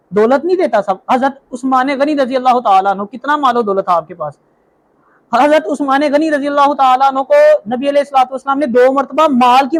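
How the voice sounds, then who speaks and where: A young man preaching a religious talk, telling stories and asking rhetorical questions. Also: very high-pitched. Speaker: Islamic preacher.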